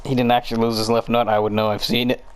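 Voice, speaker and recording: A man's voice: mid-range voice, little pitch movement, fast. A young man co-hosting a casual chat, joking and rambling as he tells a story. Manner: joking, rambling, self-correcting. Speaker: podcast co-host.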